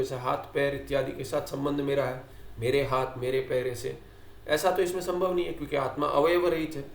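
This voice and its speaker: Male teacher, scripture lecture, slow Sanskrit quotes, fairly high voice, roomy echo. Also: slight background noise. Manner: explains with questions and acted-out dialogues; quotes Sanskrit text slowly. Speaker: Vedanta teacher.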